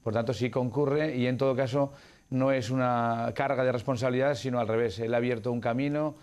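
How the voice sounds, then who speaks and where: A man's voice: mid-range voice, steady tone, a little fast, a little mellow. A middle-aged man who is a political candidate, giving formal, argumentative interview answers with frequent hesitant fillers.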